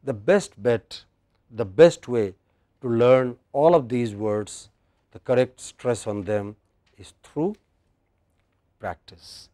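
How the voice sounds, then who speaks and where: A man's voice: medium pitch, expressive, takes it slowly, long pauses, mellow, no room sound, studio quality. A man teaching English pronunciation in a lecture, patient, repeating phrases and checking that the class follows.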